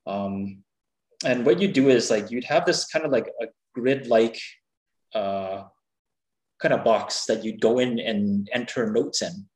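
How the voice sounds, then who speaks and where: A middle-aged man with a medium-pitched voice speaks as a podcast guest. He talks naturally and without a script, candid and loosely feeling for his words. The sound is clearly echoey and roomy. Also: unhurried. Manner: candid, loose, hedging explanations. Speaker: podcast guest, game music maker. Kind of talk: casual unscripted chat.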